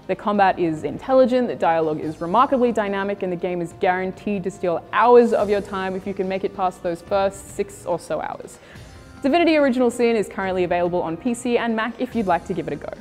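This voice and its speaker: A woman's voice: mid-range voice, quick pace, a little mellow. A woman reading scripted video game reviews and news as a presenter. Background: music.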